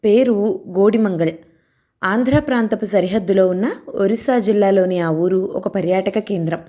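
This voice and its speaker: A woman narrating an audio story in a slow, measured reading style. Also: mid-range voice, mellow.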